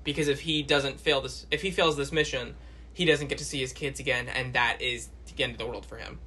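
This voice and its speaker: A man's voice: medium pitch, steady tone, a little fast, pushed and bright. A man co-hosting a podcast, analyzing a movie in casual chat with lots of "like" fillers. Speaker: podcast co-host.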